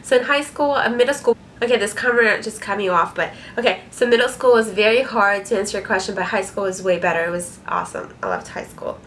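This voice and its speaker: A woman's voice: mid-range voice, fast talker, fairly bright tone, slight background noise. A young woman from Ukraine, answering viewer questions in a casual vlog from her bedroom, frank and chatty with lots of fillers and some swearing. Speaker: vlogger. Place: small bedroom, indoors.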